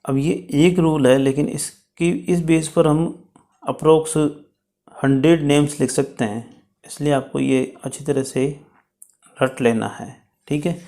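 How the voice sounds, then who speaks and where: A man's voice: on the high side, fairly even intonation, dark tone. A man teaching chemistry in a step-by-step lecture, checking in often with his students. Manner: explains slowly, checks with "ठीक है".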